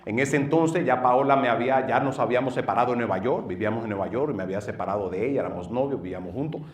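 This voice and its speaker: A middle-aged man with a Dominican accent, a pastor telling his personal testimony in an earnest way, going from loud bursts to low murmurs. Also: very fast. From northeastern United States. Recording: roomy sound from a distant mic.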